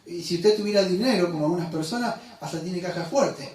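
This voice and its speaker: A high-pitched man preaching a sermon. He talks in a loose, chatty way, stumbling and correcting himself as he goes, and throws questions at the congregation. His voice echoes around a hall and sits some way off the mic. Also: fairly quick, darkish tone. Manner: conversational, self-correcting, quizzes the congregation. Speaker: pastor. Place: church hall. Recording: echoey room, mic at a distance.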